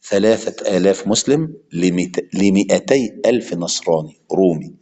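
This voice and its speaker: This Egyptian-accented preacher has a low-pitched, warm voice with lively intonation at a moderate pace. His impassioned sermon mixes classical and colloquial Arabic, captured with long hall reverb.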